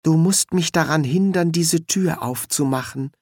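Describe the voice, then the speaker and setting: A man's voice: fairly high pitch, unhurried, a little mellow, no room sound, clean studio sound, voice pushed up. A man voicing an anxious but spirited young actress in a lifted, tense voice.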